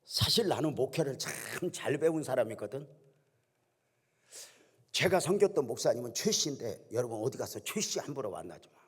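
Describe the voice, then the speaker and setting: A husky-voiced pastor in his sixties tells folksy stories from the pulpit and keeps putting questions to the congregation. His pitch swings widely as he talks, and each phrase rings out into a long church-hall echo. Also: sing-song, normal speed. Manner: folksy, joking storyteller who quizzes the congregation. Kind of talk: sermon. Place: church sanctuary.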